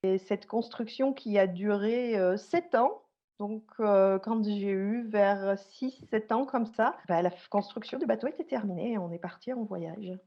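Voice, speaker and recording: A Swiss-born woman telling her life story as a podcast guest, pausing often with fillers and restarts. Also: mid-range voice, muffled recording. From Switzerland. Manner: hesitant, many fillers and restarts. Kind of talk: conversational interview storytelling.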